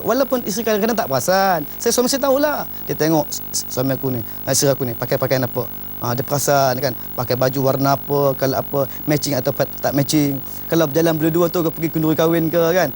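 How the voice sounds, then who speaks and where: A man's voice: on the high side, darkish tone, a little hiss or hum. A man gives an informal advice talk on marriage. He speaks emphatically and often opens his lines with "ha".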